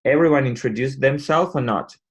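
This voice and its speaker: A man hosting an online community call, explaining things step by step in a halting way. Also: mid-range voice, dull audio. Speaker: host presenting a crypto wallet.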